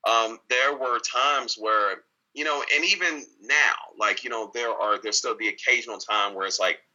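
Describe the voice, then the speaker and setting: Dull audio captures a man with a mid-range, sharp-toned voice speaking at normal speed. He's a guest in a frank interview, earnest and reflective, often repeating words and starting sentences over.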